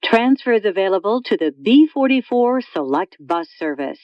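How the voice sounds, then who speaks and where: A woman giving prerecorded train station announcements in a slow, clear, measured delivery. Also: medium pitch, big pitch swings, dry recording, dull audio. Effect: recorded train station announcement. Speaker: transit announcer.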